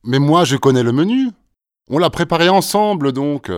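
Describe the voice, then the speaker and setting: A matter-of-fact pastry cook, voiced by a man in a scripted textbook dialogue. His speech moves in lively swings at a middle pitch. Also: moderate pace, no echo, studio quality, natural voice. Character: calm young adult male pastry cook.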